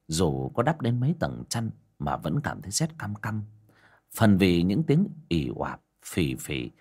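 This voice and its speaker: A man's voice: deep voice, breathy edge. A man narrating a village horror story in a dramatic, ominous way.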